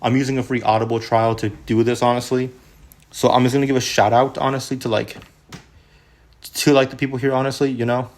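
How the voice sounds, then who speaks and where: A man's voice: medium pitch, flat delivery, brisk. A young man hosting a casual, rambling book review, full of fillers like "honestly" and "unironically". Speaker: video host.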